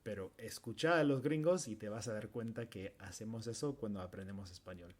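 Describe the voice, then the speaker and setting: A man's voice: fairly low pitch, fairly quick. An American man whose first language is English, teaching English pronunciation in Spanish and carefully demonstrating sounds and repeating example words. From United States.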